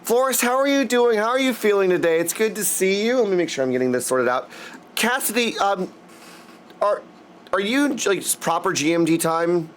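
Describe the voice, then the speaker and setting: Greeting chat warmly and effusively, this man livestreams in a casual way and keeps addressing listeners as dudes. He sits high in pitch with lively intonation and a moderate pace, against slight background noise.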